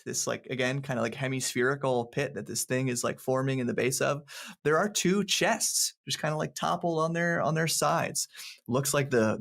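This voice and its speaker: A man's voice: mid-range voice, gravelly. A man narrating a tabletop game as game master, describing scenes in a rambling way full of fillers and laughs. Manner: laughs often between descriptions.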